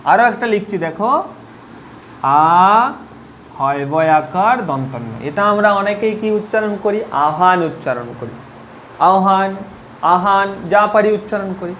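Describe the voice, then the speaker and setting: A man's voice: high-pitched, a bit bright, slight background noise. A man teaching a spoken grammar lesson, patient, repeating each point and asking the listener questions.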